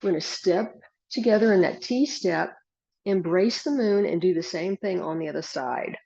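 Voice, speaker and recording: A low-pitched woman leads tai chi with serene, unhurried cues for movement and breath. Her voice is husky with a gravelly creak, and she leaves space between short instructions. The recording sounds a bit dull and lo-fi. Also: dark tone.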